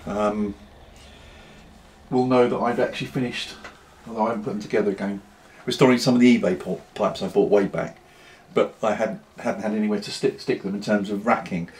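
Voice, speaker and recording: Unhurried British man chatting casually. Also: on the low side, slight background noise. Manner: unhurried, rambling, with pauses. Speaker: pipe-smoking vlogger. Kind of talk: casual unscripted chat to camera.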